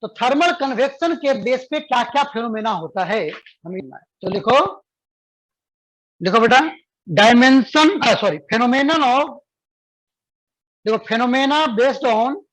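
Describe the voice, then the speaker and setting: A physics teacher with an Indian English accent, dictating notes slowly and repeating phrases, then explaining quickly and asking the class questions. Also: male voice, extremely high pitch, expressive, poor audio.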